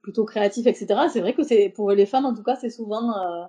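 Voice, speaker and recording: Une femme invitée d'un podcast, qui parle de façon décontractée et hésitante, avec beaucoup d'hésitations et de reprises. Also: female voice, mid-range voice, fast talker, warm tone. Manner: hesitant, many fillers and restarts. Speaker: podcast guest, embroiderer. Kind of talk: casual interview talk.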